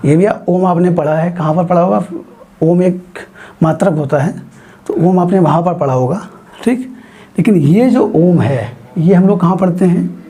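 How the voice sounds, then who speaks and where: A man teaching a grammar lesson, explaining slowly and asking his students frequent questions as he writes on a board. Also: high voice, mellow, breathy edge. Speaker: Hindi teacher.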